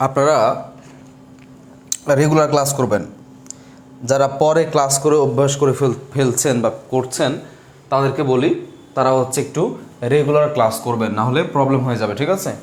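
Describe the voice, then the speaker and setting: A man's voice: medium pitch, steady tone, brisk, pauses often, roomy sound. A man teaching an online spelling class, asking questions and answering them himself in a patient, drilling way. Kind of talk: live class lecture.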